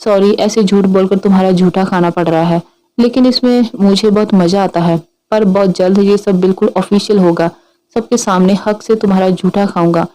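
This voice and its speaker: A woman's voice: medium pitch, steady tone, moderate pace, dark tone, natural voice, rough recording. A woman voicing a playful, teasing young man in love in a read-aloud story. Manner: teasing, mock-innocent.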